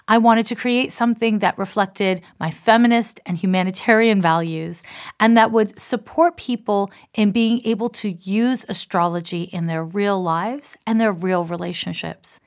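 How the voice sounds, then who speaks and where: Speaking at a medium pitch, a middle-aged astrologer and author from Canada offers a reflective personal monologue in an accent mixing Canadian and American. She calls herself a talker and goes on easily and at length, shaping each word precisely and deliberately in her mid-range voice.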